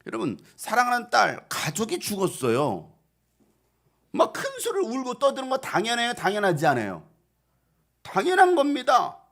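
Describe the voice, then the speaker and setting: Middle-aged pastor, sermon in a small church, wildly animated pitch, dramatic hushed asides and loud cries. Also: male voice, moderate pace, gravelly. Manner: asks the congregation questions and answers them himself.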